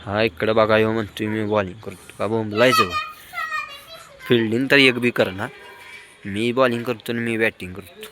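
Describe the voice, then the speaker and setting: A man gives excited running commentary on a game of rooftop cricket for his vlog, calling out to the kids and to his viewers. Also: lowish voice, normal speed, long pauses, noisy background. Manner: lively, calls out to kids and viewers. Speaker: vlogger. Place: outdoor rooftop terrace.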